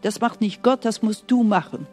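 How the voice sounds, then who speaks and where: A woman preaching a sermon in an earnest, emphatic way, sometimes dropping to soft, hushed asides and speaking straight to the listener. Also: mid-range voice, moderate pace, faint music behind. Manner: speaks directly to the listener, often asking "Okay?".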